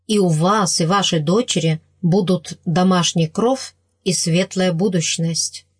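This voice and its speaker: A woman voicing an earnest middle-aged man from a storybook, who proposes marriage with slow, pleading insistence. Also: fairly low pitch, slightly rough, no echo, clean studio sound.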